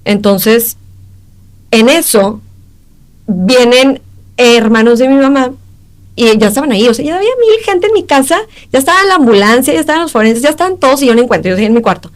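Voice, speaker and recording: A young woman with a Mexican accent, a podcast guest giving an emotional personal testimony in halting speech, acting out the exchanges she recalls. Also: a little high, animated. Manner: emotional, halting retelling that acts out quoted exchanges.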